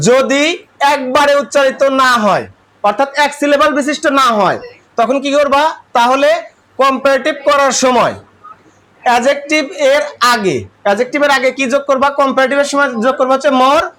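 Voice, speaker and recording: A man's voice: very high-pitched, sharp tone. A man with a Bangladeshi accent teaching English grammar to a class, asking questions and repeating the answers.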